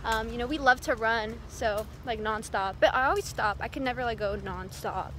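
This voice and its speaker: A woman's voice: a little high, normal speed, fairly bright tone, a little hiss or hum. A young woman vlog host chatting casually as she jogs outdoors, holding the phone at arm's length. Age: young adult. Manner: talking while jogging outdoors. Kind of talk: casual chat. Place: outdoors on suburban roads and paths.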